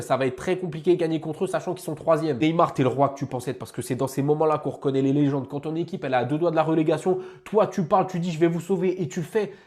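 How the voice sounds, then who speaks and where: A man's voice: on the high side, darkish tone. A man giving a hyped football reaction, full of praise and talking to the player directly. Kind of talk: energetic reaction video.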